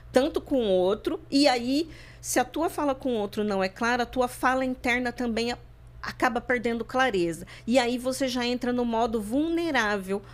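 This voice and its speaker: Brazilian woman on a podcast, thoughtful, keeps restarting words, talks it through slowly. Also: on the high side. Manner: reflective, repeats and restarts words. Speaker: podcast guest, therapist. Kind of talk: personal interview talk.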